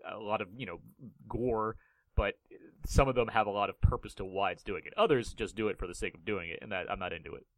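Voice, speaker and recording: A man's voice: fairly low pitch, fast, no room sound. A man hosting a casual podcast, playful and running a movie quote quiz. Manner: playful, reads quotes in put-on impressions. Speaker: podcast host.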